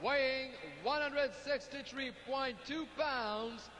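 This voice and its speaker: Slow, high-pitched male boxing ring announcer. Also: sharp tone. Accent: Quebec French. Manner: booming, deliberate ring-announcer delivery. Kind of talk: formal bilingual ring announcing with drawn-out names. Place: indoor fight arena over loudspeakers. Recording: reverberant arena PA, faint noise.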